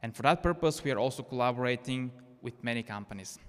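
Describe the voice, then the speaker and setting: Giving a keynote in a reverberant conference hall, a man from Bulgaria who speaks Bulgarian as his first language talks fast in a smooth, mid-range voice with a fairly bright tone. He is earnest and persuasive but keeps restarting his phrasing.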